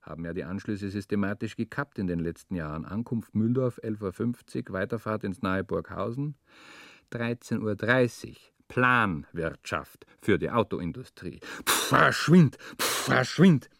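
A man's voice: on the low side, normal speed, fairly bright tone, no room sound, studio quality. A man delivering a dramatic literary monologue, ranting sardonically and puffing for breath between phrases. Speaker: narrator.

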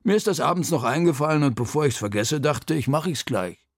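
A man's voice: on the high side, lively intonation, no room sound, studio quality, pitched above the performer's own voice. A man voicing a flustered, apologetic school caretaker in a children's radio story. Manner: hesitant, apologetic, gets hurried. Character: flustered middle-aged male caretaker.

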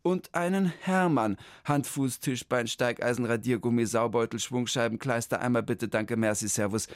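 A man voicing a fussy, brisk female office clerk in a children's story. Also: mid-range voice, no echo, clean studio sound, voice pushed up, natural voice. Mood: officious. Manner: brisk bureaucratic chatter.

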